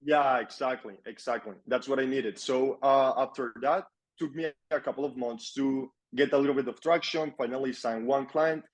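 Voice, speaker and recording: A man's voice: mid-range voice, moderate pace. Young Colombian man chatting casually. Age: young adult. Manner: relaxed, repeats words for emphasis. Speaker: guest, agency owner. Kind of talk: casual interview chat.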